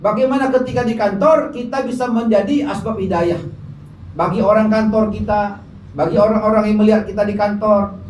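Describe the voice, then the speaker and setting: A man with a high-pitched, darkish voice preaches a colloquial sermon to a gathering, often speaking directly to the crowd. He talks briskly with fairly even intonation. The distant mic in an echoing hall picks up faint noise.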